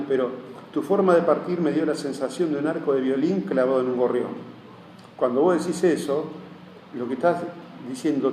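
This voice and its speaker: A man with a Rioplatense accent lectures like a teacher, his voice sitting a bit high but dark and mellow. He rambles and keeps checking in with his listeners. The recording sounds echoey and distant, with faint hum underneath. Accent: Rioplatense Spanish. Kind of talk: classroom lecture. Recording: echoey room, mic far off, faint hum.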